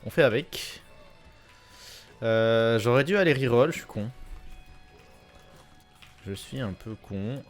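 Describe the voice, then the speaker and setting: A gaming YouTuber with a low voice rambles through casual gameplay commentary into a desk mic at his gaming setup. He sounds relaxed, repeating himself and using plenty of fillers.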